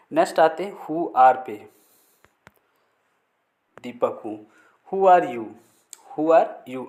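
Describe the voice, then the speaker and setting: A man teaching spoken English in Hindi, saying short English sentences aloud and translating each one. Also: fairly high pitch.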